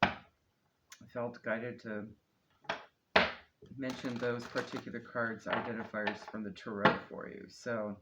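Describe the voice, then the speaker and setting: Wearing retainers that blur his words a little, a male tarot reader and host gives an offhand spiritual card reading at a relaxed pace. His medium voice barely shifts in pitch, he keeps checking in with "okay?", and clicks and noticeable noise fill the background.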